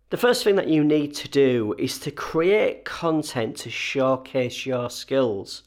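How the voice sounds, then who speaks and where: A man with a slightly wheezy, chesty voice, getting over a cold, hosting a conversational solo advice episode with emphatic key points. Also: medium pitch. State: recovering from a cold and chest infection. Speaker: host advising freelancers.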